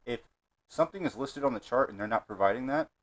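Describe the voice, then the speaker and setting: A man's voice: mid-range voice, quick pace, poor audio. A man co-hosting a reaction stream in casual chatter, crude and swearing a lot. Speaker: co-host reacting to a video.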